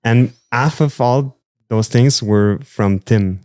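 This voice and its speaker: A man's voice: medium pitch, slow, no room sound, studio quality. A man in his thirties with a Quebec French accent, a musician chatting loosely in an interview with lots of fillers. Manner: rambling, many fillers, animated. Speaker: musician guest. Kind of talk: casual interview chat.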